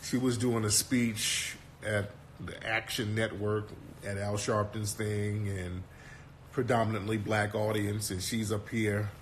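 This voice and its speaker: A man's voice: on the low side, flat delivery, measured pace, a little hiss or hum. A man hosting a casual commentary talk in a brash, mocking and profane way. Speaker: host.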